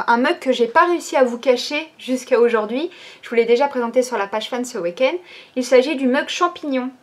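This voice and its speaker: A woman presenting new items from her online shop in a casual, chatty way, with lots of fillers and hesitations. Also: high-pitched. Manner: chatty, many fillers like "ben" and "euh".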